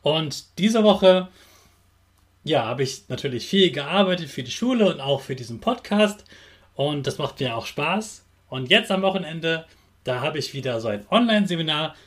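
A man who teaches and hosts a podcast for children, speaking straight to the young listener in a lively, encouraging way. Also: a little high, normal speed. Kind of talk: upbeat talk addressed to children.

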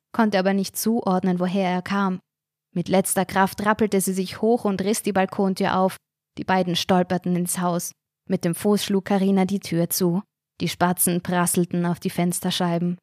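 A woman narrating a short-story podcast in a measured, suspenseful reading. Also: on the low side, a little mellow, no room sound, clean studio sound.

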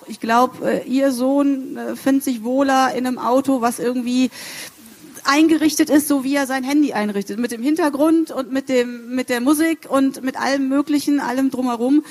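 A woman speaking on a discussion panel, halting and full of fillers. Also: sits high, darkish tone.

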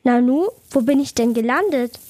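A woman's voice: sits high, lively intonation, normal speed, noisy background. A woman voicing a tired, anxious little dormouse in a children's audio story. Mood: fretful. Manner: whiny, fretful.

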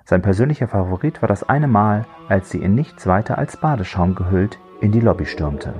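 A man narrating a crime thriller audiobook in a measured, dry storytelling voice. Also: lowish voice, expressive, a little mellow, faint music behind.

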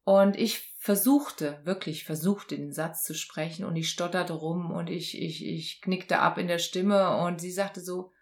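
A woman as an interview guest, telling a personal story in conversation with lively acted-out dialogue. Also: lowish voice, unhurried, hardly any pauses. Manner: animated, acts out quoted dialogue.

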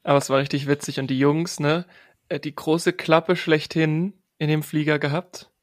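A young man telling a story in a relaxed, chatty way with youthful slang. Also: a little high, moderate pace, no echo, studio quality. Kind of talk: casual storytelling chat.

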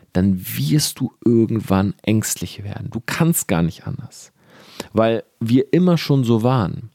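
A man's voice: fairly low pitch, vocal fry, warm tone, dry recording, studio quality. A young man talking earnestly and directly to the listener in a casual motivational monologue, with fillers and the odd swear word.

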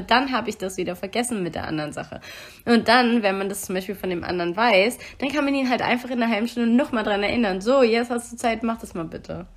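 A woman co-hosting a podcast, talking casually and reflectively about relationships and acting out little quoted remarks. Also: on the high side. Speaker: podcast co-host.

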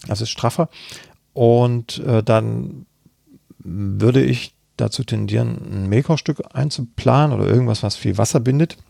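A man with a gravelly, dark, husky voice, explaining bread baking in a podcast interview. He thinks aloud and fills pauses with many hesitations. The sound is close and dry. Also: mid-range voice, no echo. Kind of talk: podcast interview answering questions.

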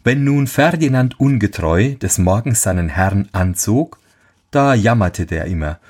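A man reading a fairy tale aloud with expressive, lively storytelling intonation. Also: lowish voice, a little slow, breathy edge.

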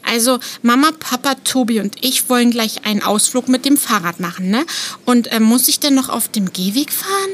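A woman's voice: on the high side, expressive, moderate pace, slight background noise, natural voice. A woman playing a curious, polite seven-year-old girl in an educational audio play for children. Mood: eager, asking.

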